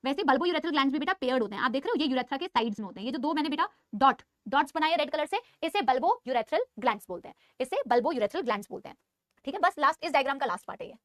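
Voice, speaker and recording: A woman biology teacher leads a live online class at a rapid clip, her voice pitched high. She mixes English terms into Hindi and keeps addressing students as "beta," scolding them while insisting she is calm. The sound is close and dry. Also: no room sound.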